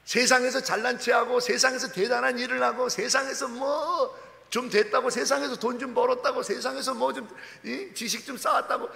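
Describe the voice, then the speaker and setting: A male pastor preaching a sermon dramatically, acting out quoted voices and swinging between loud cries and soft, hushed words. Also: extremely high pitch, fairly even intonation, brisk, creaky. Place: church sanctuary. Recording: long reverb of a church hall.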